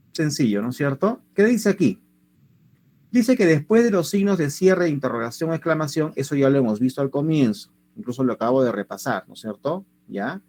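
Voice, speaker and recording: A man's voice: on the high side, mellow. A man leads an online language class. His voice rises and falls a lot as he keeps asking his students rhetorical questions. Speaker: teacher.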